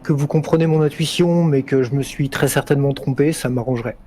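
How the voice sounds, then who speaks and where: A man playing a tabletop game, speaking in character in a measured, explanatory way. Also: medium pitch, dark tone, a little hiss or hum. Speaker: player. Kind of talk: in-character tabletop role-play.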